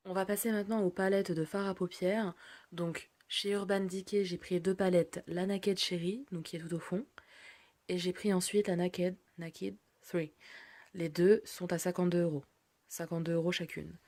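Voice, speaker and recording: A woman's voice: fairly low pitch, fairly even intonation, moderate pace, darkish tone. A woman vlogger casually walking through a haul of products and their prices, chatty with frequent fillers. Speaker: beauty vlogger.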